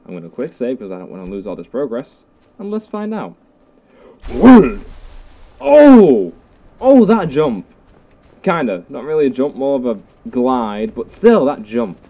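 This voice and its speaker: Excitable young man commenting on a game. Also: medium pitch, moderate pace. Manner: jokey, excitable, talks to enemies. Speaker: gameplay commentator. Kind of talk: casual let's play commentary.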